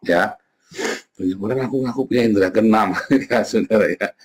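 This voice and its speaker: Male pastor, hoarse-edged tone, informal sermon, animated asides. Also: on the low side, a little slow. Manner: lively, folksy, mimics voices, frequent "ya, Saudara". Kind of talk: casual sermon.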